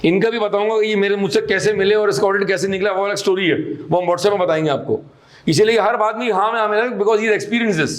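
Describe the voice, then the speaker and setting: Guy teaching a class, pretty high voice, scolds a lot, throws in english words. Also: fairly even intonation, fairly quick. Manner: scolding, emphatic, mixes English terms. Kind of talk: classroom lecture.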